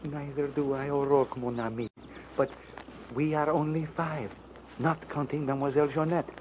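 An actor playing a cautious, courteous French lieutenant with a French accent, earnestly reasoning in 1930s radio drama style. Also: male voice, on the high side, fairly even intonation, moderate pace, lightly acted. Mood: earnest, urgent. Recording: dull, noisy old radio recording.

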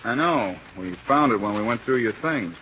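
A man's voice: mid-range voice, lively intonation, moderate pace, bright, forceful tone. Through the muffled, faintly noisy sound of an old radio crime show comes a tough small-town police detective. He talks like a 1930s beat cop, clipped and blunt, questioning with open suspicion. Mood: needling, suspicious.

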